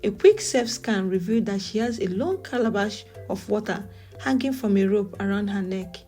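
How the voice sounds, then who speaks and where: A Nigerian woman storyteller reads a folktale in a measured, dramatic way. Her voice is mellow and warm, not bright. Soft music plays faintly underneath. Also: mid-range voice, expressive. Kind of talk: scripted folktale narration.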